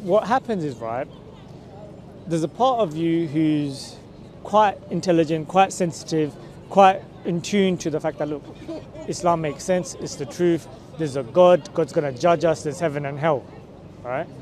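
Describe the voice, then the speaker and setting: A fairly high-pitched, slightly mellow male voice comes through at a measured pace, with a bit of hiss or hum, from a camera mic a few meters away. He is a street preacher talking with people outdoors in a busy city square, pushing his questions with persuasive, repeated checks like "right?".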